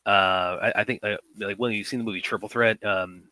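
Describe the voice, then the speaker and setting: Chatting casually as a live stream co-host, this young man rambles and keeps restarting, with frequent fillers, and he sniffles from a runny nose. His voice is on the low side, bright and forceful, fairly quick, and fairly even in intonation. His computer headset mic is having sound trouble.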